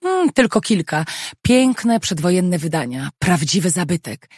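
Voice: mid-range voice, big pitch swings, slightly rough, no room sound, clean studio sound. An audiobook reader voicing an earnest, slightly defensive young man who explains things hurriedly. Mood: explaining. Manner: hurried, eager. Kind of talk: audiobook dialogue.

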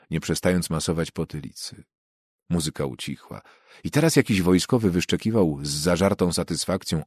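A man reading a novel aloud as an audiobook narrator, in a measured, even delivery. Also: low-pitched, no echo, clean studio sound. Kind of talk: scripted narration.

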